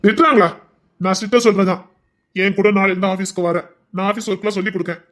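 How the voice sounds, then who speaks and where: A man's voice: high-pitched, flat delivery, very fast. A man playing a stern, insistent husband who scolds his wife in a colloquial family drama.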